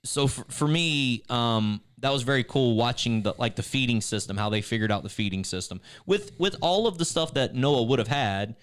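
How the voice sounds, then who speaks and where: A man's voice: mid-range voice, animated, normal speed, few pauses, smooth. A man, co-hosting a casual church video chat, rambling with frequent restarts and turning encouraging. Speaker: church staff co-host.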